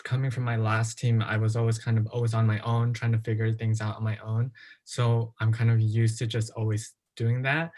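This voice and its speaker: A young man on a team video call, soft-spoken and hesitant. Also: fairly low pitch. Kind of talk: casual group meeting chat.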